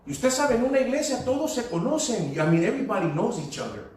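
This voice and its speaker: A man's voice: very high voice, animated, a little fast, darkish tone, slight background noise. A man preaching a sermon, telling stories and slipping into English phrases. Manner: storytelling, switching into English phrases. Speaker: pastor. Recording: echoey hall, voice from far off.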